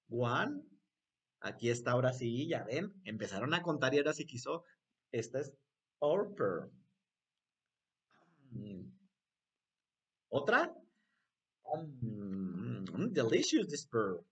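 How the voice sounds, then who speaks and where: A man's voice: a little high, sing-song, moderate pace, fairly bright tone, slightly rough. A man teaching an online English lesson to young children, switching languages and repeating words for them to echo in a playful voice.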